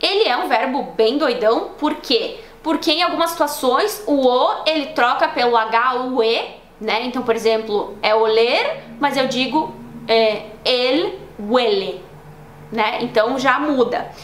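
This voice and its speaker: A young woman with a Brazilian Portuguese accent, teaching a casual online language lesson in a chatty, explanatory way that slows down to model words for practice. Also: high voice. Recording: roomy echo, faint background noise.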